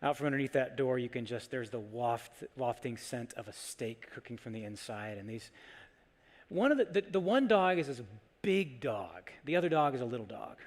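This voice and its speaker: A man's voice: medium pitch, very animated, moderate pace. Male pastor preaching in a reverberant church. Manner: storytelling, rising emphatic repetition. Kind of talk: sermon. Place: church sanctuary.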